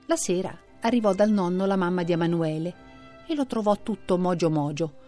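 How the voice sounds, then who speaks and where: A woman narrating a traditional children's story in an expressive reading voice. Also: lowish voice, brisk, soft background music.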